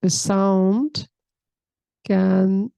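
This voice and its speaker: A woman gives an unhurried spiritual talk as a yoga teacher, with a gravelly, mellow voice. She explains a text calmly and reflectively, pausing on a soft questioning hmm. The sound is close and dry, with no room echo. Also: medium pitch. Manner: calm, reflective, often checks in with a soft hmm.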